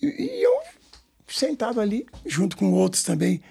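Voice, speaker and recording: A high male voice with huge pitch swings and a dark tone, gravelly and husky, moves at normal speed. It belongs to a Brazilian samba school director in his sixties with a São Paulo Portuguese accent, who rambles through stories in an interview full of repeats and tag questions.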